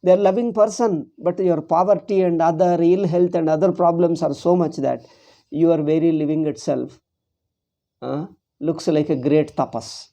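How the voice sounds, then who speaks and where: Mellow, dark-voiced South Indian spiritual teacher. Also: medium pitch, steady tone, moderate pace, muffled recording. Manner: repetitive, rhetorical questions, acts out imagined complaints. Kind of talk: informal spiritual discourse on scripture.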